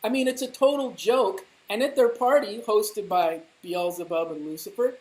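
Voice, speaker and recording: A woman's voice: mid-range voice, moderate pace, darkish tone, low-quality recording. Woman ranting on a political talk show, mocking and profane, plain middle voice. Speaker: political commentator. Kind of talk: casual political chat.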